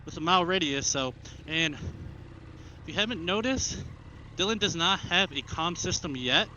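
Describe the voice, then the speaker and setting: High, bright young American man inside a helmet. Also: animated, moderate pace. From Arkansas, United States. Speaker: motovlogger, new rider. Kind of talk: casual vlog chat while riding. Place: inside a helmet on a motorbike, outdoors. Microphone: helmet headset mic into an action camera. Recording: muffled helmet mic with engine and road noise.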